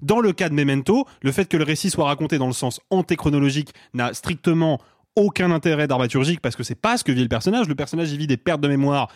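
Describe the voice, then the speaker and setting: A man's voice: on the high side, lively intonation, no room sound, clean studio sound. A man arguing his point insistently in a casual film debate on a podcast panel. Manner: insistent, argumentative, rapid. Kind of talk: heated debate.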